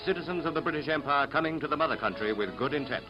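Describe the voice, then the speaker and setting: Lively man narrating an old newsreel. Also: on the high side, very fast. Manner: upbeat announcing tone. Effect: old newsreel soundtrack. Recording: dull lo-fi 1940s newsreel sound with music.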